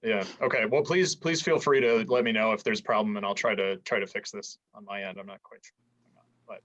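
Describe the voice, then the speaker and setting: Over a muffled video call from inside a church, a man teaches an online church history lecture to an adult education class. His lowish voice is steady, a bit bright, and a little fast, and his delivery is easygoing but full of stumbling restarts. The audio volume is uneven and keeps dropping out.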